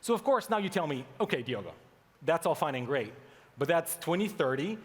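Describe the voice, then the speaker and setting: A man from Portugal gives a keynote talk on a conference stage, his voice sitting slightly high for a man. He delivers it in an animated way. The sound carries the long reverb of a large event hall. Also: a little fast. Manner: animated, reads out mock headlines. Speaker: conference speaker.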